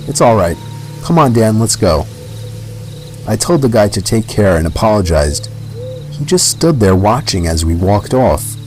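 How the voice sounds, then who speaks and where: Low-voiced man narrating a horror story. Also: a little mellow, poor audio. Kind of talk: scripted first-person narration.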